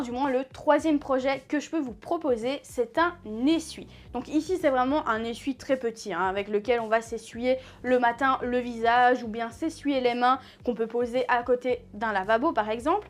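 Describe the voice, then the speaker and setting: A woman gives a casual sewing tutorial, chatty and full of fillers and self-corrections. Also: high voice. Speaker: sewing teacher.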